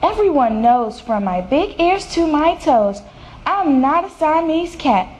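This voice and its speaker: A woman's voice: high-pitched, sing-song, measured pace, darkish tone, voice pushed up. A woman voicing a naughty, boastful young kitten boy who plays at being a hero, in a bold singsong storybook style. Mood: proud. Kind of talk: children's storybook character voice.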